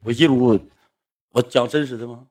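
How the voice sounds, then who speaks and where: A man's voice: mid-range voice, steady tone, normal speed, darkish tone. A man in a casual chat, cutting in with short teasing remarks while a friend tells a story.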